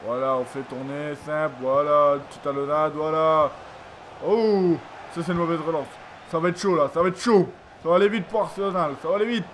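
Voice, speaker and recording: A man calls his own football video game match, his fairly high voice bursting into repeated exclamations at every attack. He sounds freshly woken up, and clear background noise sits under his home recording. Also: brisk. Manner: excitable, repeats phrases, lots of ooh-la-la exclamations. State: just woke up, yawning. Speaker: gaming YouTuber. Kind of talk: live commentary over a football video game. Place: home room at a computer.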